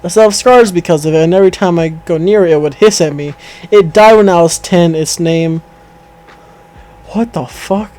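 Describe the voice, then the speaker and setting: A man with a fairly high voice reads a story aloud in a casual, unpolished way. He trips over words and backs up to fix them, speaking into a home mic over an online call. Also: normal speed, darkish tone, low-quality recording. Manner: reads aloud with stumbles, self-corrections and laughter. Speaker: co-host reading stories aloud. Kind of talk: casual reading of online stories.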